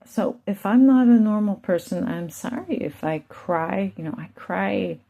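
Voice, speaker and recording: A woman's voice: medium pitch, lively intonation, a little slow, vocal fry, mellow. A woman and mother telling a rambling, emotional personal story to her channel's viewers. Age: adult with children. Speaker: channel host.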